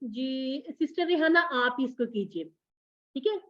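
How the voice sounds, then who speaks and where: A woman teaching a Quranic Arabic class online, patient and gently correcting her students. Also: sits high, lively intonation, a little slow, dull audio.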